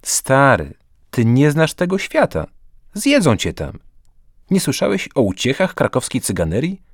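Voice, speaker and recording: A man voicing a blunt, teasing teenage schoolboy who talks loudly and mockingly. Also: mid-range voice, wildly swooping pitch, measured pace, dry recording, studio quality, pitched above the performer's own voice, exaggerated voice. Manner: loud, exclaiming, mocking.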